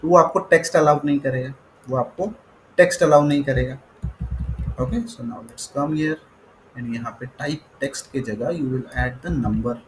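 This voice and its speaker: A man's voice: medium pitch, a little slow, a little hiss or hum, rough recording. A man teaching a coding tutorial, mixing Hindi and English, saying "okay" often and spelling words out letter by letter. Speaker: coding instructor. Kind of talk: screen-recorded coding tutorial.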